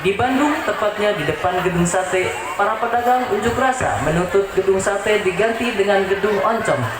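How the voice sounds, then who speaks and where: A man's voice: high voice, normal speed. A man reading comic parody news as a mock-serious announcer. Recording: noisy, echoey recording with loud crowd. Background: loud crowd and noise.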